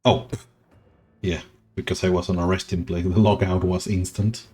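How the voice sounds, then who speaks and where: A man streaming a game, talking slowly and sentimentally, rambling with soft laughs. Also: deep voice, level tone. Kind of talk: casual game stream chat.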